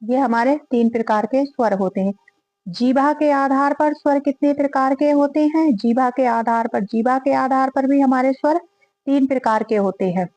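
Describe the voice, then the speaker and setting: High-pitched woman teacher going over quiz answers, repeats the options, dry close sound. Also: normal speed, darkish tone, no echo, poor audio. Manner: reads each question then lists and repeats the options aloud. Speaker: Hindi grammar teacher. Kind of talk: exam prep lesson, reading quiz questions and answers.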